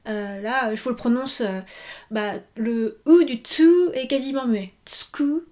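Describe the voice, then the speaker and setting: A woman's voice: fairly high pitch, unhurried, darkish tone. A woman teaching Japanese verb forms in a video lesson, patiently repeating each example.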